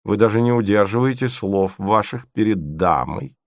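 A man voicing a scheming middle-aged lady who speaks in a soft, hushed, sorrowfully sweet tone in a storybook reading. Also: mid-range voice, big pitch swings, a little slow, no echo, studio quality. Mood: reproachful.

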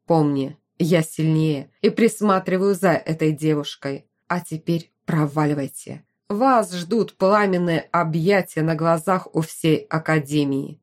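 A woman's voice: low-pitched, unhurried, few pauses. A woman voicing a young male fire mage, angry and protective, with a growling, snapping delivery. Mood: furious, growling.

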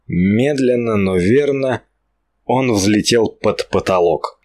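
A man narrating a story in a measured, expressive reading. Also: lowish voice. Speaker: audiobook narrator. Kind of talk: scripted narration.

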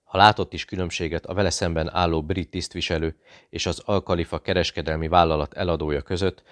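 A man narrating an audiobook in a measured, even storytelling manner. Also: deep voice, no echo, clean studio sound.

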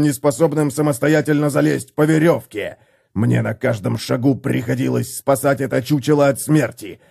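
A man voicing a furious, scornful old dwarf warrior who bellows slowly and heavily in an audiobook. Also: mid-range voice, vocal fry, a little mellow, slightly rough. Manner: bellowing, slow and heavy.

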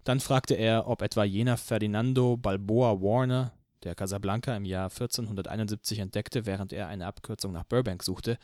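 A man narrating an audiobook in the first person, calm and steady in the narration. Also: medium pitch, dry recording, clean studio sound.

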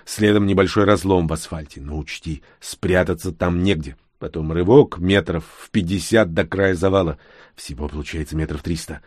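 A man voicing a hardened soldier who gives low, hushed, clipped orders in an audiobook. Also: moderate pace, husky, no echo, studio quality. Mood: grim. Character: grim, hardened male soldier, curt and commanding.

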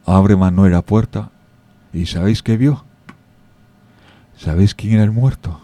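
A man's voice: on the low side, a little slow, warm tone, no echo. A man with a Spain Spanish accent telling stories and jokes in a chatty way, talking straight to his listeners. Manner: chatty, addresses listeners directly, with restarts. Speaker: storyteller. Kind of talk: informal storytelling and jokes.

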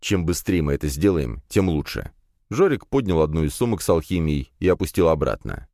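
A man narrating a fantasy audiobook in the first person, in a lively storytelling manner. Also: rumbling low, a little fast, no room sound. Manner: lively storytelling with acted dialogue. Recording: dry close studio.

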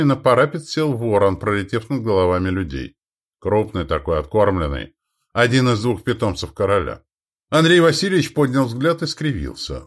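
A man narrates an audiobook with a lowish voice that rises and falls a lot. His reading is expressive and storyteller-like, shaping each sentence for the listener.

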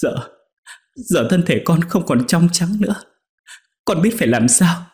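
A man voicing a coy, scheming young female servant girl who whimpers and pleads in a high voice. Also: lively intonation, normal speed, close to an everyday voice. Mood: tearful pleading.

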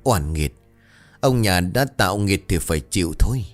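A man with a low voice playing a tired, devout old mistress of a rich household who speaks in a resigned way. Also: animated, normal speed, faint music behind. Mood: weary.

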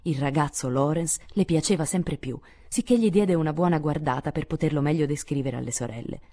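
Low-voiced woman narrating a novel. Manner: measured, expressive reading. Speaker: audiobook reader. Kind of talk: literary audiobook narration.

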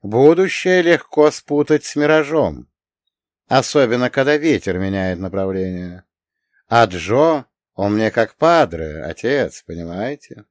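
A young mafia boss, cool, dangerous and theatrical, with a lazy, even drawl that can snap into a bark, as a male narrator puts him on. Low voice, dry close recording. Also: measured pace, dry recording. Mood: languid. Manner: languid drawl that flares into barking.

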